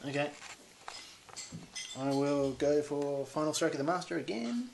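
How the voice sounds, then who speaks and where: A man's voice: fairly high pitch, lively intonation, measured pace, vocal fry. Man reading out dice over background noise. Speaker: player. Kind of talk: casual tabletop game chat.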